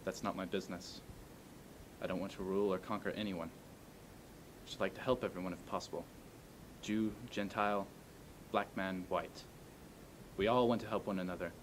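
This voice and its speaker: A man giving an earnest recitation of a speech with measured, declamatory phrasing. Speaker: amateur performer. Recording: faint noise and low rumble.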